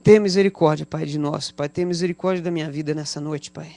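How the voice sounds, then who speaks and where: A man's voice: on the high side, fairly even intonation, quick pace, creaky, warm tone, no room sound. A man with a Brazilian Portuguese accent, a pastor leading a spontaneous prayer in a church service, fervently calling on God and Father between every phrase.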